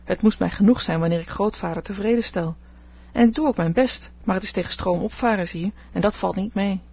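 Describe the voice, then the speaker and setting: A woman reading an audiobook, voicing an impatient, spirited teenage boy, excited and rebellious, with a slightly husky voice. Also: mid-range voice, a little fast. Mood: restless.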